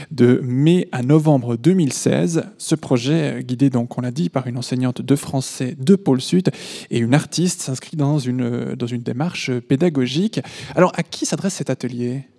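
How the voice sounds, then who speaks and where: A male radio host speaks fluently as he links segments and introduces the next guest. His voice is warm and mellow. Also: mid-range voice, vocal fry. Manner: fluent, announcing and linking segments. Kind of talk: radio presenting.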